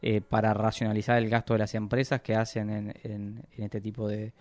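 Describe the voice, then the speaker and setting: A man explaining business news in a radio interview, measured and full of hesitations and restarts. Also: on the low side, monotone, darkish tone, dry recording. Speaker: economic analyst guest.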